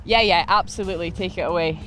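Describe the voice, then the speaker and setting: A woman with a gentle East Coast Scottish accent, hosting and chatting casually as she plays golf. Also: fairly low pitch, quick pace, faint music behind, low-quality recording. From east coast of Scotland. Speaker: host and golfer. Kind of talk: casual on-course chat.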